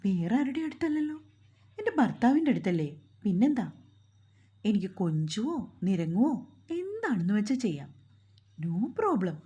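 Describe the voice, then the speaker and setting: A woman's voice: mid-range voice, very animated, moderate pace, long pauses, warm tone, breathy edge. A woman voicing a playful, coaxing young wife.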